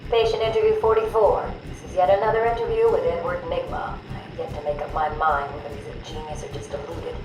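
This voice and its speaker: An actress playing a composed, tired female psychiatrist in a video game, measured and clinical as she records interviews. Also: fairly low pitch, fairly even intonation, highs cut off, close to an everyday voice. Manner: measured, clinical, reading notes into a tape. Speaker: psychiatrist doctor. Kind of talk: video game voice acting, taped patient interviews. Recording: echoey with loud music underneath.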